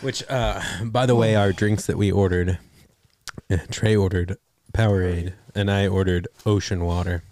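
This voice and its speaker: A man's voice: sits low, steady tone, moderate pace, darkish tone. A man co-hosting a podcast, joking and thinking aloud in casual chat. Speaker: podcast co-host.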